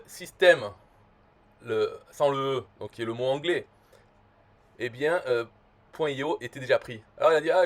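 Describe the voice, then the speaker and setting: A man hosting as a self-styled marketing expert, ranting bluntly and crudely in a rambling monologue full of restarts. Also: medium pitch. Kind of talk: rambling comic rant to camera.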